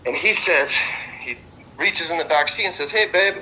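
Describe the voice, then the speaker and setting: Bright, agitated man in a police interview. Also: on the high side, normal speed, a little hiss or hum, low-quality recording. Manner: agitated, profane, rambling. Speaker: interviewee, friend of victim.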